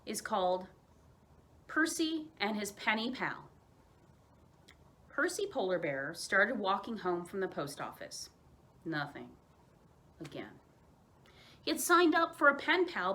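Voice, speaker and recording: With a medium-pitched voice, this woman tells children's stories as a library storyteller. She is expressive, leaning on dramatic emphasis and well-placed pauses.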